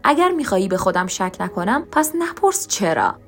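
A troubled young man speaks earnestly, turning questions over in a storybook reading, with a woman narrator giving him his lines. Soft music sits faintly under the voice. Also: medium pitch, very animated.

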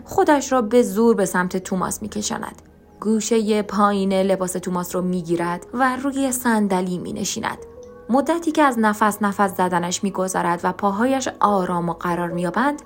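A woman narrating a story podcast in a calm, measured reading voice. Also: mid-range voice. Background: faint music.

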